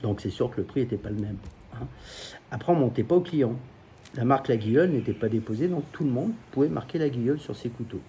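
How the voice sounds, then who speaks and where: This fast-talking Frenchman has a warm, animated voice of medium pitch. A knife seller, he jokes crudely about his sales experiences in a casual vlog, swearing often, while at home beside a pool.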